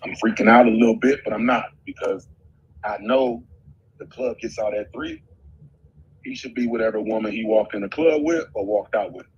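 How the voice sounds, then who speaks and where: A man's voice: fairly low pitch, moderate pace, slightly rough. Intense, swearing middle-aged man storyteller. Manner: intense, emotional, heavy swearing. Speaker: guest telling a personal story. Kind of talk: raw personal storytelling. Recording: muffled with faint background noise.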